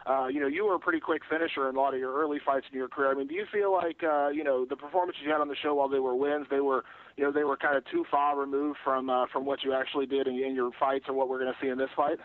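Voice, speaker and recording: A man's voice: medium pitch, little pitch movement, racing, no room sound. A man working as a reporter, asking long conversational questions on a media conference call over the phone. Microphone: telephone. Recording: dry narrow telephone line.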